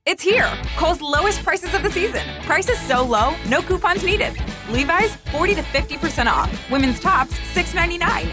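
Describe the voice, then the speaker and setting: A woman delivers a hard sell retail ad as an announcer. Her voice sits very high in pitch, and music plays clearly behind her. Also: lively intonation, moderate pace, few pauses.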